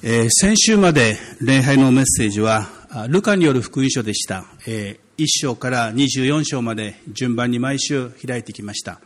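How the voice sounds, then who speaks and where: A man's voice: medium pitch, animated, normal speed, few pauses. A male pastor giving a conversational sermon, light and joking, with many hesitant fillers between phrases.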